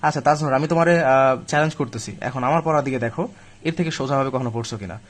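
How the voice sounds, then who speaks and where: Here a young man with a mid-range voice goes very fast while leading admission students through grammar online, live. He is chatty and direct but weak from illness and slow of speech.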